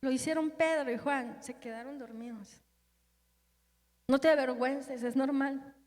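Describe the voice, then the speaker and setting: High-voiced fervent woman preacher. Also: steady tone, unhurried, in a large hall. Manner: fervent, dramatic shifts in loudness. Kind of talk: emotional Easter sermon.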